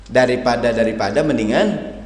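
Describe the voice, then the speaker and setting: A man preaching a lively, humorous sermon to a live audience, often acting out the people who come to him with questions. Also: medium pitch, moderate pace. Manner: animated, acts out questioners, addresses audience as hadirin. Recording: echoey hall with long reverb.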